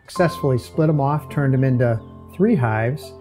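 A man in his sixties, an amateur beekeeper from upstate New York, explaining his hives in a relaxed, halting way with many fillers, recorded outdoors in a backyard. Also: mid-range voice, soft background music. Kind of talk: casual explanation while working.

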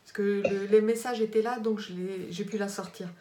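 A woman's voice: medium pitch, fairly even intonation, fairly quick, warm tone. A woman working as a medium, reassuring her client in a casual consultation, with many fillers and repeated checks that she is understood. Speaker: medium giving a reading. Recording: echoey room with crowd noise.

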